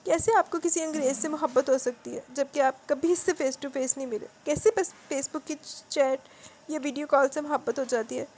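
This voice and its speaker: A woman voicing a gentle young wife who pleads through tears, stumbling over her words. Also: high-pitched, fairly even intonation, a little hiss or hum, pitched above the performer's own voice, close to an everyday voice. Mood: tearful. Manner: pleading, halting repeats.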